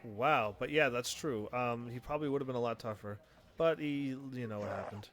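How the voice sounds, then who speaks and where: A man's voice: medium pitch, a little fast, a bit bright. A man giving casual live gameplay commentary, rambling and thinking aloud as he plays. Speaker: game streamer.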